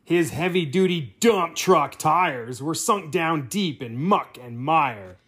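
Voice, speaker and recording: A slow, unhurried reader telling a children's picture book aloud, gentle and expressive. The voice is a little husky, and its pitch rises and falls in a lively way.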